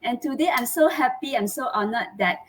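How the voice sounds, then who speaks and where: A Malaysian woman with a husky voice on the high side hosts a live online interview over a video call. She speaks fairly quickly and earnestly, with many fillers and restarts.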